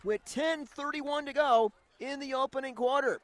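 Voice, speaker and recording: A man with an American accent doing live football play-by-play as a radio announcer, with an excited, rising touchdown call when a play breaks open. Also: very high-pitched, moderate pace. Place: live at an outdoor high school stadium.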